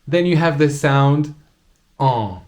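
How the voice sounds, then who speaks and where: Very slow male pronunciation teacher. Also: a little high, a little mellow. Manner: slow, deliberate enunciation of isolated sounds and example words. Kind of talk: slow textbook pronunciation lesson.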